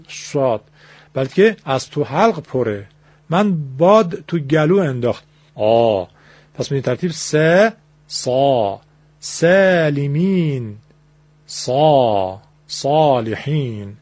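A man's voice: a little high, darkish tone, no echo. A man teaching pronunciation in a radio lesson, explaining patiently in a formal, polite way and demonstrating each sound aloud.

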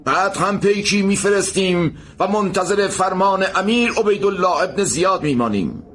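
Man doing an army boss giving orders, high commanding voice, little noise under it. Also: fairly bright tone. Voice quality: authoritative, commanding delivery. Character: commanding male army leader, firm and calculating. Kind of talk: audio drama acting.

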